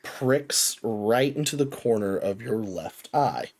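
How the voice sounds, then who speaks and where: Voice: medium pitch, lively intonation, slow pace, a little mellow. A game master narrating a tabletop game casually, with lots of fillers and restarts.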